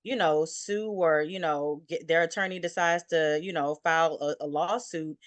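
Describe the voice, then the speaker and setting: A woman working as an insurance claims adjuster, giving steady advice as an interview guest and often saying "you know". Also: sits low, normal speed, dry recording. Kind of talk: interview conversation.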